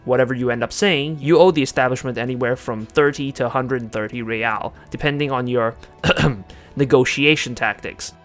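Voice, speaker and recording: A man's voice: mid-range voice, moderate pace, soft background music. Sarcastic man narrating a video essay. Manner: sarcastic, joking. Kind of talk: scripted commentary.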